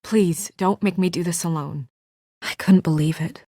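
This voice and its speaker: In naturalistic video game dialogue, a young official who is earnest and composed speaks with measured restraint, her mood tense and pleading. She has a fairly low, serious, dark voice with fairly even intonation, recorded dry and close with no room sound.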